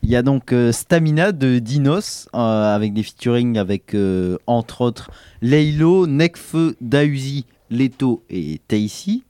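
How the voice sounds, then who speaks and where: A man's voice: medium pitch, lively intonation, takes it slowly, hardly any pauses, warm tone, smooth, no room sound. A man co-hosting a student radio rap show, chatting casually with many hesitations. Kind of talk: casual chat.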